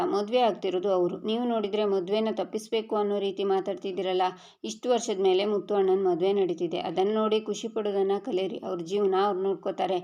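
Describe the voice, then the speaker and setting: A woman narrating a TV serial episode recap, reading every character's lines in an even storytelling voice. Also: mid-range voice. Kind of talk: reading a serial recap aloud, voicing all dialogue. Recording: dull lo-fi audio.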